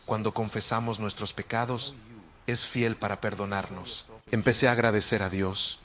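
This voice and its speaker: A man's voice: lowish voice, steady tone, moderate pace, a bit bright. A man preaching a sermon, telling a personal testimony in an earnest, storytelling way.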